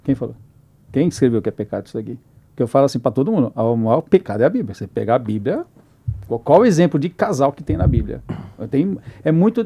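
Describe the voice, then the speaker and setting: A man in a casual podcast conversation, telling animated personal stories about faith. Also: medium pitch, vocal fry. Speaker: podcast participant.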